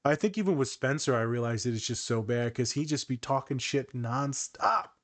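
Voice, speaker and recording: A man's voice: mid-range voice, normal speed. A man in his thirties hosting a podcast, chatting casually, laughing often and acting out what people said. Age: 30s. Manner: lively storyteller, laughs often, acts out quotes. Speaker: podcast host. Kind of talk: casual chat.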